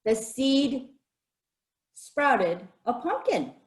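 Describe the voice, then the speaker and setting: A woman storyteller reads a folktale aloud for children in a high voice with big pitch swings, speaking very slowly. She addresses listeners directly, asking questions and inviting them to repeat and join in, in a roomy, echoing space.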